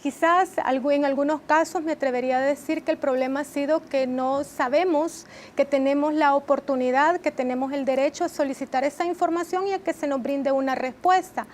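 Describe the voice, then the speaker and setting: A woman, answering as a guest in a TV interview in a measured, explanatory way. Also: high voice, fairly even intonation, slight background noise. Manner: measured, explanatory, with frequent rhetorical tag questions. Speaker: interview guest, training head.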